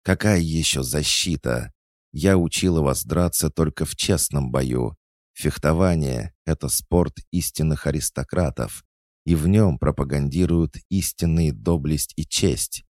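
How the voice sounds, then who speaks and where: A man's voice: rumbling low, a little slow, no room sound, studio quality. A man doing a tearful, indignant young noblewoman.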